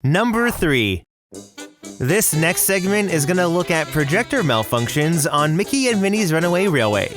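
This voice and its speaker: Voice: mid-range voice, sing-song, moderate pace, over music. A host giving scripted video narration in a casual, explanatory way, as for a countdown.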